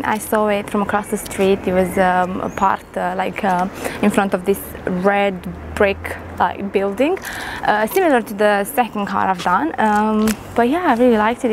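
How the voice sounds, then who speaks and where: A young woman in her twenties chatting casually to camera on a walk outdoors, full of fillers and small laughs, on a lapel mic. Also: medium pitch. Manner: chatty, hesitant, many fillers and little laughs. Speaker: photography vlogger. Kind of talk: casual vlog walk-and-talk. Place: outdoors on a city street. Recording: street noise in the background.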